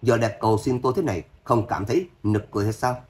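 A man's voice: on the low side, fast, darkish tone, close to an everyday voice. A man playing a cold, vengeful son-in-law. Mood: cold scorn. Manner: cold, harsh.

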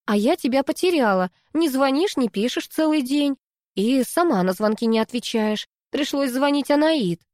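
A woman's voice: sits high, lively intonation, normal speed, darkish tone, no room sound, studio quality, voice pushed up. A woman reading a story and voicing a worried, caring middle-aged mother on the phone who fusses with anxious questions. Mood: fretting.

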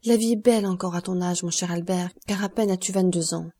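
Woman voicing a grave noble mother, tender, pleading, dark mellow voice. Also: lowish voice, fairly even intonation, a little fast, husky.

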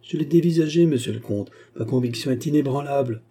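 A man voicing a loyal, stubborn old soldier turned servant in an audiobook, with a dark, husky voice. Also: mid-range voice, a little fast, voice pushed up. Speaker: character in a read novel. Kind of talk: audiobook character reading.

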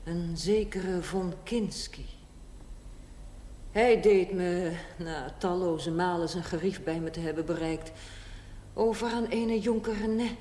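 With a lowish, warm voice, an actress gives a TV drama monologue as a proud, frank 45-year-old ex-prostitute recalling her hard past. The delivery is blunt, matter-of-fact and deliberate, the mood proud and wry, and the 1970s recording echoes with faint noise.

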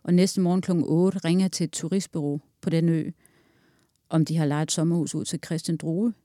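A woman in her forties speaks frankly and earthily in an interview, walking through a hard memory in vivid detail. Her voice is mellow and soft-toned. The recording is dry and close, with no room sound. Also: deep voice, steady tone, no room sound. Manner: candid, earthy, recounting loss in vivid detail. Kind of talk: personal storytelling interview.

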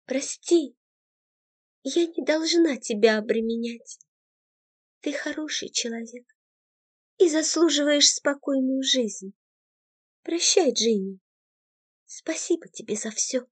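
A woman's voice: very high-pitched, a little slow, darkish tone, dry recording, voice pushed up. A woman voicing a young female ghost who speaks emotionally and pleads through tears. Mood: sad. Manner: emotional, pleading, tearful outbursts. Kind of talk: audiobook character voice.

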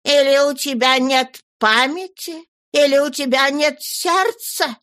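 A frail old man in an audiobook drags out every word of his protest, as a woman reader puts him on. The delivery is very slow, slightly high and grave. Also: a bit bright, no room sound, studio quality. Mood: indignant. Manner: slow, solemn, thundering protest. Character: frail old man, fierce in sudden wrath.

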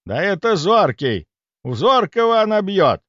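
A man voicing a gruff, boastful old grandfather who bellows, in an audiobook. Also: high-pitched, animated, measured pace, no room sound, highs cut off, pitched above the performer's own voice. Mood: bellowing. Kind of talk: audiobook character voice.

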